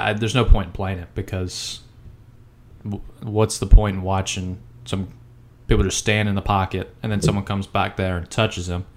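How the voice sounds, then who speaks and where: A man co-hosting a sports podcast in casual chat, blunt and self-deprecating. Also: on the low side. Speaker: podcast co-host.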